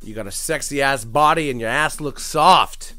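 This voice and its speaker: A man hosting a comedy podcast, reciting rap lyrics word for word in a mock-serious deadpan and stopping to comment dryly on them. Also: mid-range voice, moderate pace. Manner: mock-serious, dry commentary between lively recited lines. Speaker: podcast host.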